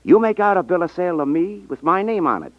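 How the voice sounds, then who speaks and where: This man's voice is high, very animated and rapid as he performs a 1950s radio drama role: a loud, slangy, insistent salesman faking sincerity while scheming with excitement. There's no echo, though the old radio recording sounds muffled.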